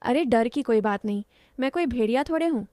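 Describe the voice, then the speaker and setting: A female narrator plays a protective, teasing young man in a romance audio drama, using a mellow, slightly high voice captured close with no echo. She sounds tender and expressive, speaking a little fast with light acting.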